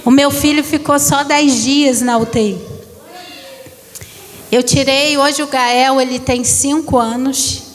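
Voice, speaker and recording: Woman in her thirties preaching an emotional testimony; high pitch, reverberant church. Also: steady tone, slow pace. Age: 30s. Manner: emotional storytelling, addresses congregation. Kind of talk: testimony sermon. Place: church hall.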